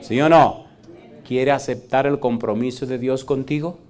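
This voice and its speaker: A male pastor preaching in a church, often asking the congregation yes or no and swinging from loud emphatic lines to quiet asides. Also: mid-range voice, steady tone, unhurried. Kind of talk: sermon.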